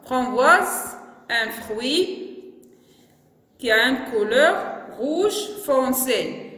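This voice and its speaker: A woman with a Moroccan French accent teaching a phonics lesson in a classroom, spelling out letters and syllables slowly and deliberately. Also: high-pitched, a bit bright. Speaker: primary school teacher. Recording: echoey classroom with long reverb.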